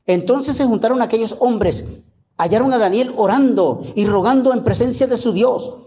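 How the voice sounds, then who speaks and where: A male pastor preaching a sermon, reading scripture with slow, emphatic repetition and calling on the congregation to repeat after him. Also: extremely high pitch, mellow.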